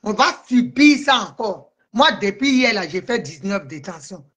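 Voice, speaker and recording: A woman delivers a heated live-stream rant in a bright, forceful voice. She is agitated, repeats herself and answers commenters by name. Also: mid-range voice, big pitch swings, measured pace, husky. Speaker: livestream host.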